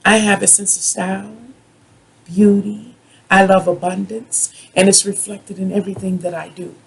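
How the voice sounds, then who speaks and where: An American tarot reader speaks in a husky, raspy voice at medium pitch, often slipping into gravelly fry. The reading is a rambling monologue she calls a drunken rant, halting and restarting, drawing out words and looping back to the same points. Her delivery is flat and the recording is rough.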